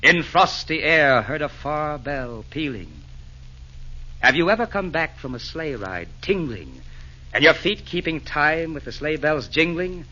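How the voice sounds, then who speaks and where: A jolly, fussing old Santa Claus in a 1940s radio play. The voice is bright and forceful, swinging widely through hearty, theatrical rhymes. The old broadcast recording is dull and limited. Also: male voice, a little high, animated, measured pace, heavily acted. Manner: hearty, rhyming theatrical delivery.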